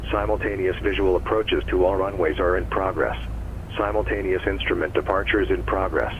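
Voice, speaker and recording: A man reading an airport weather and information broadcast over the radio, reciting figures in a steady, measured way. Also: low-pitched. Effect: automated airport weather broadcast over radio. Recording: tinny lo-fi radio channel with faint hiss.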